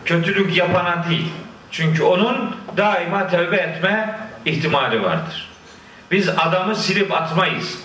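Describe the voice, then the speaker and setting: A man preaching a sermon, quoting scripture in Arabic and explaining it with lively asides. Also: high voice, measured pace. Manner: lively, quotes Quran verses in Arabic and explains them. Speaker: Islamic preacher. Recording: echoey room, voice from a distance.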